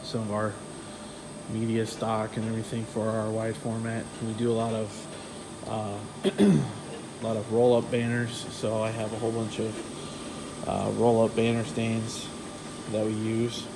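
The owner of a print shop films a casual walkthrough on the phone in his hand, moving through the indoor offices and warehouse. He describes the equipment in a relaxed, technical manner full of fillers, his lowish voice keeping a measured pace over background noise.

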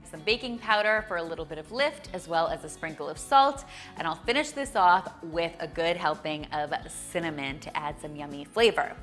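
A woman's voice: on the low side, pushed and bright. A woman in her thirties hosting a cooking show, chatty and upbeat as she walks viewers through a recipe in a kitchen studio. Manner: bubbly and chatty, addresses viewers directly. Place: bright home kitchen studio.

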